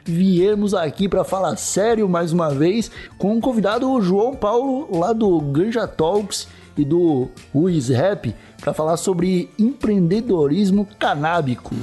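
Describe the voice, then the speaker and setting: A Brazilian man with a raspy smoker's voice, hosting a casual podcast with playful, irreverent, slangy banter. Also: high voice, expressive, a little slow, few pauses, warm tone, faint music behind. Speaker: podcast host.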